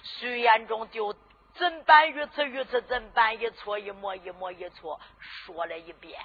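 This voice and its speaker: Woman storyteller, high-pitched, unhurried and dramatic; lo-fi dull recording. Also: breathy edge. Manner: dramatic, rising to shouts. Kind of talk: traditional sung-spoken storytelling.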